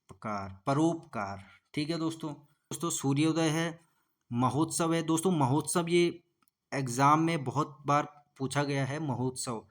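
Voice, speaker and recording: A man's voice: a little high, a bit bright. A man teaching a grammar lesson for exam prep, repeating himself often and sounding out letters one by one as he explains. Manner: repetitive, calls listeners "friends" constantly, sounds out letters slowly.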